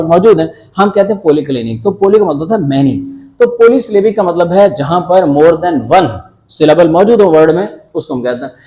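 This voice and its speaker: A man's voice: a little high, dark tone, rough recording. A male teacher giving a grammar lecture, explaining step by step, repeating words and mixing in English phrases. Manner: repeats words to drill them.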